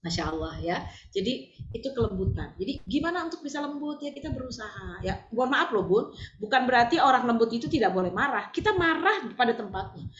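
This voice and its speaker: An older woman teaching a religious study group, animated and often asking her listeners to agree. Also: high voice, reverberant, dull audio, slight background noise.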